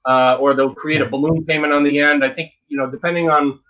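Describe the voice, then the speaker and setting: A man's voice: a little high, steady tone, fairly quick, a bit bright, dull audio. A dentist giving frank, emphatic advice in a casual interview, often repeating words as he talks.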